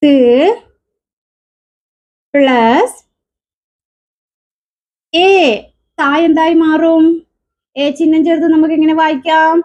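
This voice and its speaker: A woman with a Keralan Malayalam accent teaching children letters. She asks question after question, answers them herself, and sounds out letters slowly. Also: high voice, fairly even intonation, a little mellow, lo-fi sound. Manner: slow, drawn-out sounding of letters. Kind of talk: children's alphabet lesson.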